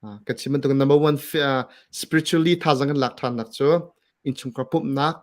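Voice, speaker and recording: Man talking about church ministry, slightly high. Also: normal speed. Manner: relaxed, mixes English words into speech. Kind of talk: casual ministry talk.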